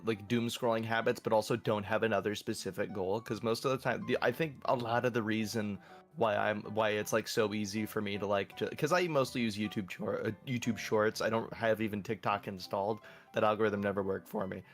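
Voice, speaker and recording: A man with a somewhat low voice co-hosts a casual conversation. He talks haltingly and fills his sentences with "like." Faint music plays behind him. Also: steady tone. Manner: halting, heavy use of "like". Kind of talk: casual chat.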